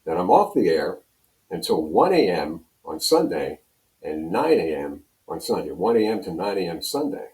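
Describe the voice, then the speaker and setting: An interview guest in his seventies, a Pennsylvania radio program director and on-air personality, reminisces in casual, rambling stories and often repeats what he just said. His deep voice is sing-song and darkish in tone, at a moderate pace, with echoing room sound.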